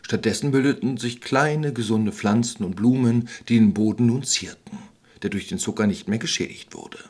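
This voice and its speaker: Husky man narrating a wry fairy tale. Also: mid-range voice, moderate pace, a little mellow. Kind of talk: scripted storybook narration.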